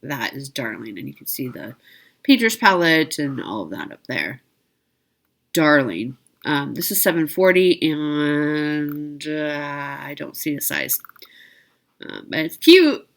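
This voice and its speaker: She's a needlework shopping video host giving a casual product rundown. Her deep, somewhat bright voice moves slowly and rises and falls widely, and she keeps correcting herself and adding side comments in an informal, chatty way.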